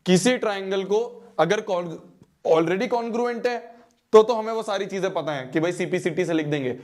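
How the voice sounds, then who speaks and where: A man's voice: sits high, normal speed, a little mellow. A man teaching a live online maths class with a Hindi accent, joking with students and repeating his phrases. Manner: playful teasing, repeats phrases, calls out students by name.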